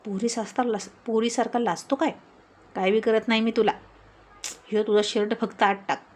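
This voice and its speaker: A bossy, quick-witted young village woman, as a narrator puts her on, brash and scolding, with rough rustic speech in a storybook tale. The voice sits a little high and breathy. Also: steady tone, a little mellow, lightly acted.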